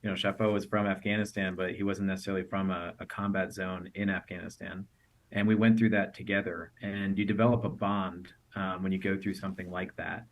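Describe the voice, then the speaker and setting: Man, very deep voice, veteran guest, earnest, slow and thoughtful. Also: flat delivery. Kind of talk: interview conversation.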